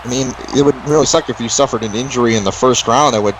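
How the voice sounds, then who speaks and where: A man's voice: medium pitch, fast, background noise. A man doing live play-by-play as a wrestling commentator, exclaiming at moves and counting near falls.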